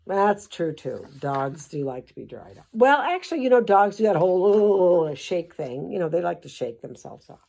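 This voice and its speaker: A grandmotherly older woman with a somewhat low voice reads a kids' picture book for grown-ups. She keeps stopping for sarcastic, wandering asides and throws in the odd swear word, unimpressed by the story. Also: very animated, normal speed, gravelly, few pauses, dark tone. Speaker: host reading a children's book aloud. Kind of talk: comic storybook commentary.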